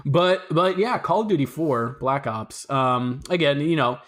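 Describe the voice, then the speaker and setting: A young man co-hosting a podcast, joking and teasing with animated storytelling. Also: a little high, slow pace. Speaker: podcast co-host. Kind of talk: casual chat.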